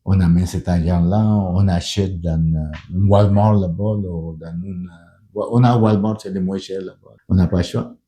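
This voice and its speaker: A man's voice: deep voice, fairly even intonation, normal speed, warm tone. A middle-aged man who speaks French as a second language, a union leader and pastor telling his story in an earnest documentary interview, with hesitant restarts and repeated words. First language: not French.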